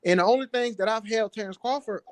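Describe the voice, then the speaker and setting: A man's voice: sits high, quick pace, no room sound. A man from New Orleans in a heated, casual boxing debate, defensive and slangy, repeating phrases for emphasis. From New Orleans, United States. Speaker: guest debater on a boxing talk show.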